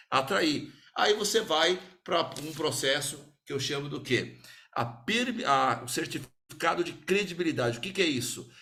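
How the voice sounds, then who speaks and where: A man with a Brazilian Portuguese accent giving an energetic sales talk to a small group, acting out little customer dialogues as he explains. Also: on the high side. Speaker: sales speaker.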